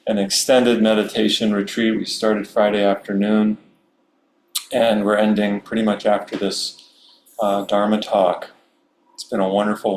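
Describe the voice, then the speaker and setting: A middle-aged man from Maryland speaking as a Zen priest, giving a relaxed, unhurried Dharma talk with many fillers and soft chuckles. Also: lowish voice. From Maryland, USA. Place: meditation hall. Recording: roomy hall with faint hum.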